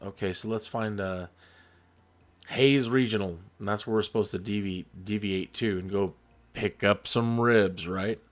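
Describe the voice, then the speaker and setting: Male tutorial host, slightly low pitch, slow delivery, conversational and jokey, loose rambling explanations. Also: fairly even intonation. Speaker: flight simulator tutorial host. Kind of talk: casual rambling tutorial talk.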